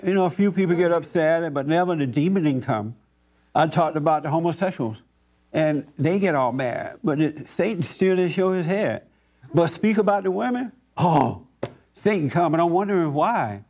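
A man with a slightly high, expressive, somewhat mellow voice speaks at a normal speed. He hosts and leads an informal group discussion on preaching that takes audience questions. His manner is folksy and plainspoken, with loose grammar.

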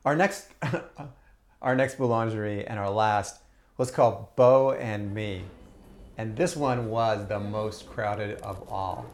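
A man hosting a podcast about bread, talking in a relaxed, chatty way with many fillers. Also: on the low side, takes it slowly. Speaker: podcast host. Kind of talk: casual chat.

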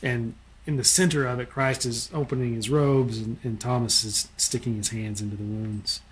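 Mid-pitched man recalling things loosely. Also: fairly even intonation, moderate pace. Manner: rambling, unsure recollection with fillers. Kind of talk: casual conversation.

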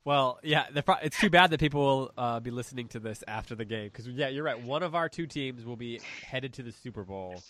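A man's voice: mid-range voice, expressive, fairly quick, hardly any pauses, fairly bright tone, dry recording. A man hosting a casual podcast with a head cold, his nose stuffy and his voice nasal. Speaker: podcast host.

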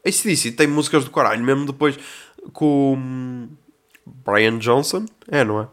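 A young man with a European Portuguese accent, rambling casually as a podcast host and acting out dialogue in quick quotes. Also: mid-range voice, a bit bright. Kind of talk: casual monologue.

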